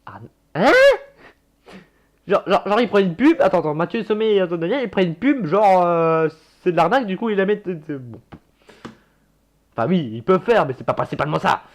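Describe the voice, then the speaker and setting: Chatty man with a gravelly edge. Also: sits high, lively intonation, quick pace. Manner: chatty, self-mocking asides. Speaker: youtuber reacting to his old videos. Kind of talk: casual reaction commentary.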